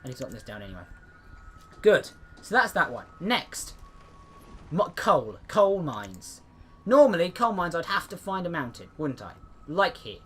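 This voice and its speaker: A man's voice: fairly high pitch, sing-song, moderate pace, long pauses, fairly bright tone, slightly rough. A man giving casual let's-play commentary, chatty and rambling, often restarting his sentences. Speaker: gameplay commentator.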